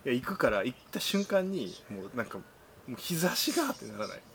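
A man with a medium-pitched voice talks in a casual, informal way. He adds joking asides like a participant in a group chat, with a clear murmur of people behind him. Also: sing-song, fairly quick, a crowd in the background.

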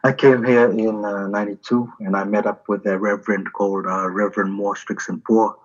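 A middle-aged man who grew up in Fiji, talking about his life as a poet in a relaxed interview, with many fillers and pauses. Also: lowish voice, dull audio.

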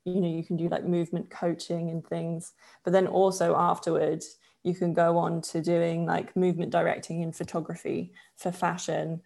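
A woman in her twenties from Poland, talking as a podcast guest. Her voice sits low, with a gravelly fry and a dark, mellow tone. She chats loosely, full of fillers and easy laughter. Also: moderate pace. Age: 20s. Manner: relaxed, chatty, laughs often, many fillers. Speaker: podcast guest, yoga teacher. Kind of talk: casual interview chat.

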